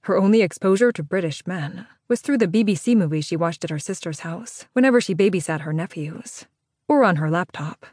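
A woman reads a romance audiobook in a smooth, even storytelling manner. Her voice sits fairly low, and the recording is dry and close with no room sound. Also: brisk, no room sound. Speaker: audiobook narrator. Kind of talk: scripted romance audiobook narration.

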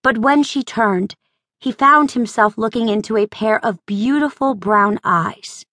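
A woman narrating a romance audiobook in a measured, unhurried reading. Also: fairly high pitch, a bit bright, no echo, clean studio sound.

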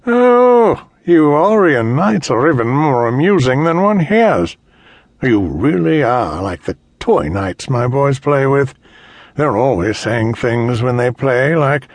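A man's voice: mid-range voice, no echo, voice pushed up. A man doing a sneering, mocking emperor. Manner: taunting, condescending.

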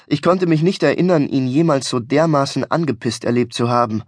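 A man's voice: medium pitch, fairly quick, dry recording. A man narrating a comic novel in the first person in a wry, dry storytelling manner. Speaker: audiobook narrator. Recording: dry studio recording.

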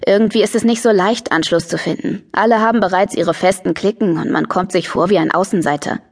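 A woman's voice: medium pitch, brisk, close to an everyday voice. A woman reading an audiobook voices a friendly, patient teenage boy who has just moved to town. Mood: calm. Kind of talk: audiobook character voice.

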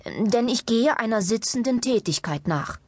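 A woman's voice: a little high, lively intonation, moderate pace, dry recording, pitched above the performer's own voice. A woman doing a fretful, whiny portly man. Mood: pained. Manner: whiny, pained and flustered. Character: anxious, plump man allergic to sport.

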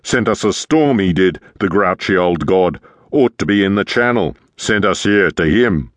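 A man doing a booming, gruff walrus of a captain. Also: lively intonation, moderate pace, no room sound. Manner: booming, gruff, clipped talk. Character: fat one-eared walrus-like ship captain.

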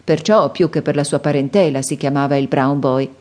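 Low mellow lady reading an audiobook, calm and even. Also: brisk. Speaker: audiobook narrator. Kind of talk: scripted narration.

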